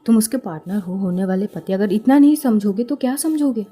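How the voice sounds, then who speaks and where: A woman's voice: medium pitch, animated, brisk, warm tone, slightly rough. A woman voicing a loyal young best friend who speaks frankly and firmly. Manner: frank, firm, outspoken.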